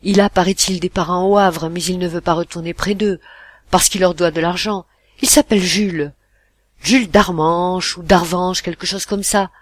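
A self-important ship captain, read by a storybook narrator, answering curtly and loudly, plainly irritated by the questions. The husky voice stays dismissive and clipped throughout. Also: mid-range voice, fairly even intonation, moderate pace, dry recording, close to an everyday voice. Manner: curt, loud, dismissive.

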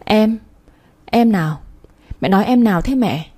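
A woman's voice: medium pitch, lively intonation, unhurried, mellow. A woman doing a blunt, scornful elder sister. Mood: scornful accusing.

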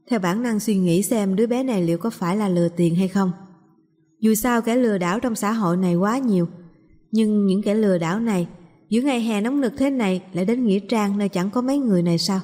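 A woman narrating a story in a steady, measured manner as an audiobook narrator. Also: medium pitch. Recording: long reverb.

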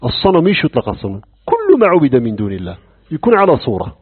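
In rapid-fire fashion, a religious teacher with a mid-range, slightly rough voice lectures on creed, acting out dialogues and asking rhetorical questions with plenty of animation. The audio is lo-fi and narrow, resembling a phone call.

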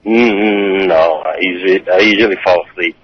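A male caller on a cell phone while driving, chatting in a relaxed, laid-back way. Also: sits low, normal speed, crowd noise. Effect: cell phone call from a moving car. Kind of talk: casual chat on a call-in show. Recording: muffled lo-fi phone line.

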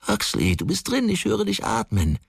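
A man in a radio drama voicing a rowdy drunk man who shouts through a door with slurred speech. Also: a little high, huge pitch swings, normal speed, gravelly, breathy edge, no echo, voice pushed up, full character voice. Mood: drunken shouting.

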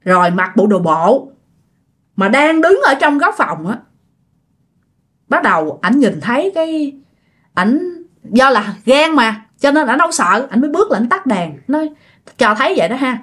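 A woman's voice: high-pitched, big pitch swings, measured pace, long pauses, a bit bright, breathy edge. A woman with a Southern Vietnamese accent narrating ghost stories in a chatty, casual manner, often speaking straight to her listeners. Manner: chatty, addresses listeners directly. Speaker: storyteller.

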